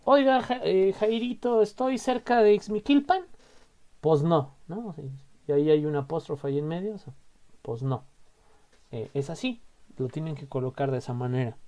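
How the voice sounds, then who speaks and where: Mexican man, relaxed chatty teacher, warm mellow tone, explains point by point. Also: on the high side. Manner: chatty, explains with lots of "o sea" and "¿no?" tags. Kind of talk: casual online grammar lesson.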